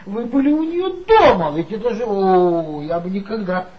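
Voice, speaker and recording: Playing a tipsy ex-magazine employee in a 1960s radio drama, a male actor with an animated, high voice confides gossipy, mocking stories about his former boss. He speaks at normal speed, and the recording sounds muffled.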